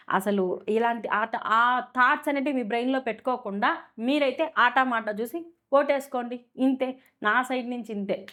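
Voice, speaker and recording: A woman giving a casual, opinionated review of a reality show, full of fillers and rhetorical questions. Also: fairly high pitch.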